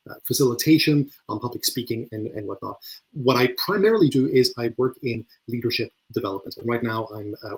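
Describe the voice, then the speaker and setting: A man gives an earnest webinar talk as a leadership coach, speaking at an ordinary mid pitch. He often restarts his phrases, saying the same word two or three times before he goes on. He is heard over a video call. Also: husky, poor audio. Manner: earnest, repeats words often when starting phrases.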